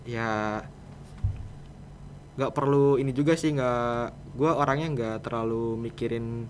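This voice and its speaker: This teenage student speaks slowly in a medium-pitched voice with fairly even intonation and a Jakarta Indonesian accent. He is a podcast guest giving casual, slightly hesitant answers in an easygoing interview chat, with a little hiss or hum present.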